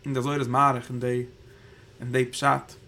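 Gravelly-voiced man teaching Torah in Yiddish. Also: mid-range voice, flat delivery, normal speed, bright, forceful tone, slight background noise. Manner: rambling, thinking aloud, Hebrew terms woven in. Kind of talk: Yiddish Torah class on the Zohar.

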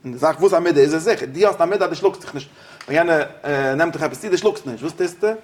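A man's voice: a little high, fast. A man teaching an interactive religious study class, questioning his students and slipping into English phrases.

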